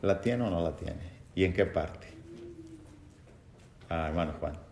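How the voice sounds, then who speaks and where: A man's voice: low voice, a little slow, creaky, a little mellow, a little hiss or hum. A man teaching a Bible study lesson, asking the class questions and reading scripture aloud. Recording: echoey room.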